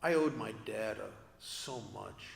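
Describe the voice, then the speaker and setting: A man's voice: fairly low pitch, lively intonation, a little slow, gravelly. A man giving a personal recovery talk to an audience, earnest and confessional with self-deprecating humor. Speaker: speaker at a recovery convention. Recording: echoey hall with long reverb.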